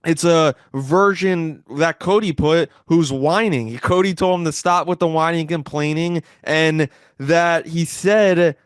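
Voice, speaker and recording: High-pitched man giving a halting recap. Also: smooth, no room sound, studio quality. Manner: halting, repeats and restarts words. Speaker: wrestling commentator. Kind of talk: recap and reaction commentary.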